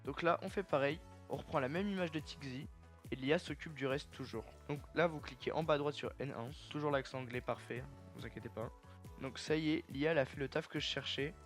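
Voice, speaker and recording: A man's voice: fairly high pitch, fast talker, soft background music. Chatty young man walking through a tutorial. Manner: chatty, step-by-step, addresses viewers as "les gars". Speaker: tutorial creator. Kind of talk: casual screen-recorded software tutorial.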